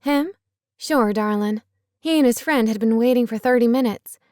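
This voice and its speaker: Folksy waitress who calls everyone darlin', read by a woman narrator, pitched up and lively, dry recording. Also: moderate pace, no room sound, natural voice. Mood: chatty. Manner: warm drawl, calls people darlin'.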